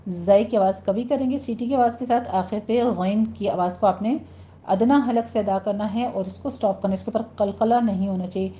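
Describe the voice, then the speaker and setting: A woman teaching Quran recitation rules. She draws each word out slowly as she demonstrates it, then explains at a brisker pace. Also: mid-range voice, warm tone. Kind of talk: recitation lesson. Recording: dull lo-fi sound.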